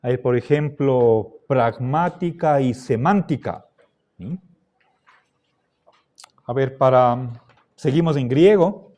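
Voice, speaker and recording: A man teaching a class, lecturing deliberately and checking in with his students again and again. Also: medium pitch, warm tone. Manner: slow, deliberate, checks understanding with frequent "¿sí?".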